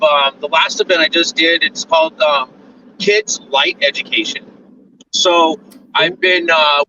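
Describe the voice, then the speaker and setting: A man from Arizona in his forties, a guest talking over a video call from inside a moving car, with audio that keeps breaking up. He speaks haltingly, with lots of fillers and restarts. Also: sits high, pushed and bright. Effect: choppy breaking-up call audio. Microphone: phone or laptop on a video call. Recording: distant, dull lo-fi call audio with faint car noise.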